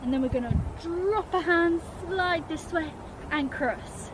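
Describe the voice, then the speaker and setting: A woman's voice: very high voice, a little slow, noisy background. A woman teaching a children's dance class, calling out the moves step by step and cheering the kids on. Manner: encouraging, step-by-step instruction. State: out of breath at times.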